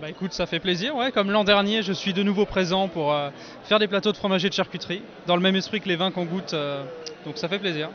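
A man with a notably high voice talks earnestly and enthusiastically in a festival interview. He is recorded outdoors, and the sound is muffled and lo-fi. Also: fast talker, a bit bright. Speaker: cheese and charcuterie platter maker.

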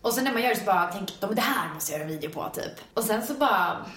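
A young woman guest chatting casually and telling stories with a giggly, animated manner, acting out her own reactions. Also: medium pitch. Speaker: guest, video maker. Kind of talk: casual chat. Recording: roomy echo.

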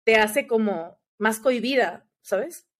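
Taking her time, a young Mexican woman with a fairly high voice and a Mexican accent talks casually in a podcast interview. She's chatty and peppers her speech with "¿sabes?"

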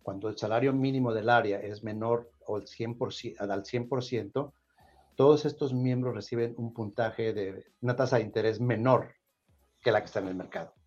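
A Mexican podcast host with a Mexican Spanish accent explains things casually, repeating words and frequently tacking on "¿verdad?". His medium-pitched voice is steady, darkish, and at normal speed, heard through a muffled recording with soft background music.

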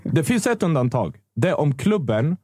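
A man talks football on a podcast in a loose, opinionated way, often breaking off and starting over. His pitch rises and falls a lot and his tone is mellow. The sound is close and dry. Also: no room sound. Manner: animated, opinionated, trails off and restarts. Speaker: podcast panelist. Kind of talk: casual football chat.

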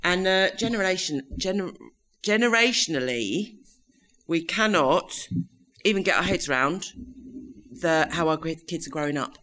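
A woman's voice: fairly low pitch, expressive, moderate pace, a bit bright, rough recording. A middle-aged woman with a South London accent chatting casually, blunt and teasing in colloquial banter. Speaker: podcast co-host. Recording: faint background noise.

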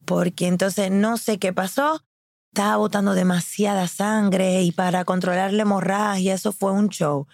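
A woman casually telling a story in a lively way, acting out what others said. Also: mid-range voice, normal speed, creaky, no echo, clean studio sound. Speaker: guest.

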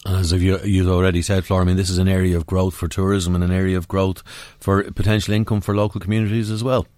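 A man's voice: deep voice, little pitch movement, quick pace, darkish tone, no echo, clean studio sound. An Irish man presenting and interviewing on live radio.

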